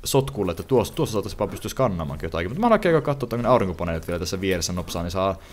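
A young man hosts a casual gaming session, narrating each find as it happens. His voice sits fairly low, but his pitch jumps around a lot. He rambles and often restarts his sentences midway. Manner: lively, rambling, thinks aloud with frequent restarts. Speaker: gaming channel host. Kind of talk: let's play commentary.

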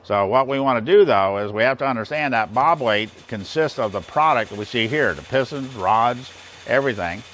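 In a big indoor machine shop, with workshop sounds clearly audible, a sixties-aged American instructor demonstrates engine balancing gear. He explains each step in a folksy, plain-spoken manner. His voice sits mid-range, animated and fairly bright, at a moderate pace.

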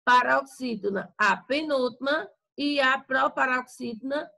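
A woman teacher talks her pupils through a lesson, repeating each example with care. Her voice sits high and bright, with a gravelly edge. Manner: slow, careful explanation with repeated examples. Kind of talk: recorded remote Portuguese lesson.

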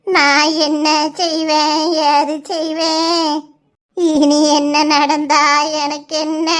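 Woman as very high-pitched cartoon granny, southern Tamil dialect, scolding and wailing. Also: fairly bright tone, full character voice. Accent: southern Tamil Nadu (Tirunelveli) dialect. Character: scolding grieving old village grandmother. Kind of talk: cartoon voice acting.

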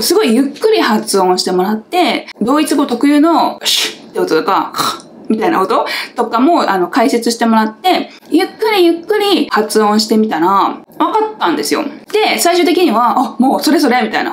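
A woman who runs an English school, talking casually to camera about learning and acting out little reactions as she goes. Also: on the high side. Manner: animated, chatty, acts out small quoted reactions. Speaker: English school owner and teacher.

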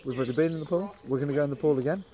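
A man's voice: a little high, racing, mellow. A young man from Britain talking casually in a rambling travel vlog, filmed on a phone at arm's length outdoors at a campsite. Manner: chatty, rambling with many ums. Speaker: vlogger.

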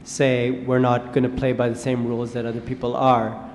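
Audience questioner, male, flat delivery, roomy hall echo. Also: medium pitch, normal speed, a little hiss or hum. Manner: long-winded, repeating himself. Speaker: audience member asking a question. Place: large lecture hall.

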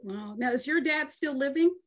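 A woman's voice: sits high, lively intonation, normal speed, a bit bright. A middle-aged woman hosting an interview over a video call, chatty and affirming toward her guest. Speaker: host.

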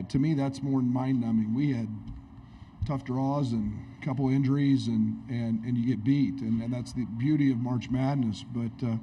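A middle-aged man, a head basketball coach, answering questions at a postgame press conference in a halting, reflective way, speaking into a table microphone indoors. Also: medium pitch, warm tone, slight background noise. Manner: halting, reflective, many restarts. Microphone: table microphone on stand.

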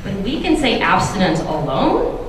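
A woman's voice: mid-range voice, huge pitch swings, moderate pace, background noise. Earnest woman panelist in an echoey hall. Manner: earnest, many um fillers. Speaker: panelist for a health care organization. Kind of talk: panel discussion. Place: large convention hall, seated at panel table. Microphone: table mic on stand, recorded from far camera. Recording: echoey hall recorded from far off.

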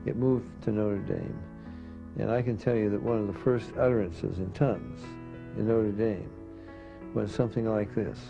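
A man's voice: fairly low pitch, steady tone, moderate pace, creaky. A man giving an assertive, warning teaching talk on a dull lo-fi recording with music.

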